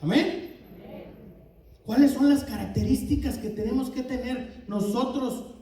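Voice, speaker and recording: A man preaching in a church, his Valley Tex-Mex accent clear as he keeps asking the congregation questions. His voice is mellow and dark, and it rings through a big echoing hall, picked up by a mic some way off. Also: extremely high pitch, recorded from a distance. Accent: Tex-Mex Spanish of the Rio Grande Valley. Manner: asks the congregation many questions, quick and lively. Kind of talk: sermon. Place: church sanctuary.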